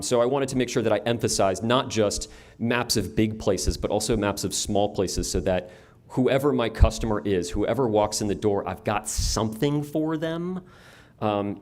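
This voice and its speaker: A young man from upstate New York talks to a conference room about running a map store. His voice sits a little low, and he speaks in a loose, wry way, with frequent ums, likes and false starts. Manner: casual and wry, many ums and restarts. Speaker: map store owner giving a conference talk. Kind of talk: conference presentation. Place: conference room before an audience.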